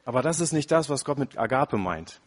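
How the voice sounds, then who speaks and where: A man's voice: medium pitch, expressive, a little fast. A middle-aged man preaching a sermon in an earnest way, acting out quoted dialogue as he tells the story.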